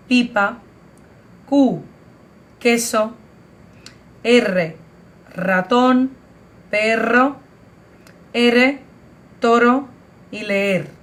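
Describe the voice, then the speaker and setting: A woman from Brazil teaching a video lesson, spelling out letters and example words one at a time. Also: a little high. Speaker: language teacher. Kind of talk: slow, careful video lesson.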